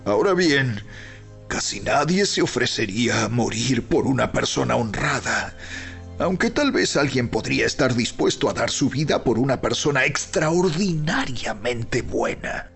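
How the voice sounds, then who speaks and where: Gravelly man solemnly narrating scripture over music. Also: mid-range voice, lively intonation, fairly bright tone. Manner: solemn, deliberate, emphatic delivery with weighty pauses. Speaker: Bible narrator. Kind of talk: dramatized scripted Bible narration. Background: background music.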